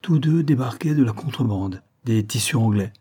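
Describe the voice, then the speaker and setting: A man's voice: mid-range voice, animated, moderate pace, warm tone, a little hiss or hum, lightly acted. A man reading aloud, voicing an anxious young woman who earnestly pleads for her fiancé. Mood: earnest pleading.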